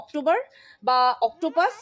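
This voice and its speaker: A woman's voice: sits high, expressive, moderate pace, muffled recording. A woman teacher patiently explaining vowel sounds step by step with examples. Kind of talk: classroom phonics lesson.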